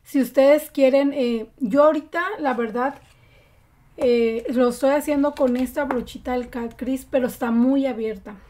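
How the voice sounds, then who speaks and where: A woman giving a relaxed, chatty makeup tutorial, with many fillers. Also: high voice, moderate pace. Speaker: beauty vlogger.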